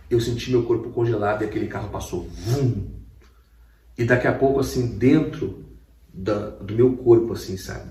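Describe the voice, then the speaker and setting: A man's voice: medium pitch, a little mellow. A man giving an emotional personal testimony as a guest, a vivid storyteller who acts out quotes. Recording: roomy, distant mic.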